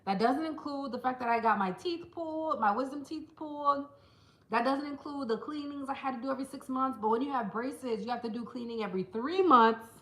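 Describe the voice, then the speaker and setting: A woman vlogger chatting casually to camera, telling stories in an animated way and putting on quick voices for the people she quotes. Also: sits high, echoey room, rough recording. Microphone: small handheld camera.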